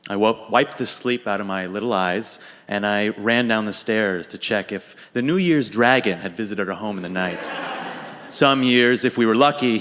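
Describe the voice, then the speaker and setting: A young American man telling a dry, deadpan comic story about himself on a radio show. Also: lowish voice. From United States. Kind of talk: humorous personal monologue. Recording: reverberant hall.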